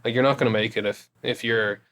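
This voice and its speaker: A man's voice: on the low side, fairly even intonation, fast, a bit bright. A man in his thirties with a west of Ireland accent, chatting casually as an interview guest in an informal, rambling way that often corrects itself. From Galway, west of Ireland. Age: 30s. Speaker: interview guest, YouTube creator and engineer.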